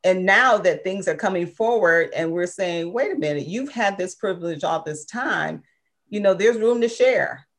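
A woman in her sixties speaks in a slightly low voice. She is a guest in a conversational interview. She talks earnestly and with emphasis, and laughs easily. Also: lively intonation, normal speed. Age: 60s. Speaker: interview guest, civil rights organization member.

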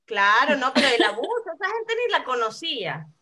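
A woman with a Venezuelan accent chatting on a podcast, telling stories in a lively, crude way. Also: high-pitched, brisk, a crowd in the background. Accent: Venezuelan Spanish. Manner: lively, vulgar, animated storyteller. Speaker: podcast co-host. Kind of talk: casual chat, storytelling.

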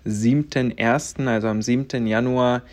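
This podcast host is a twenty-something man born in Germany and brought up in Latvia, a native speaker of both German and Russian. On his personal show he speaks earnestly, meandering with many fillers, in a medium-pitched, steady, unhurried voice.

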